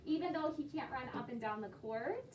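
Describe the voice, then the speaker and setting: Recorded from afar in an echoey, noisy classroom, this American woman teaches elementary kids, guiding a conversation about a book read aloud to them. She encourages the class and poses questions in a high-pitched, expressive voice at a fairly quick pace.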